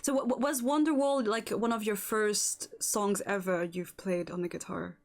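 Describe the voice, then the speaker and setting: A woman's voice: mid-range voice, fairly even intonation, normal speed. A woman from Singapore hosting an interview, chatty and encouraging. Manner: chatty and encouraging, many short backchannels. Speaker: show host. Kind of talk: interview chat.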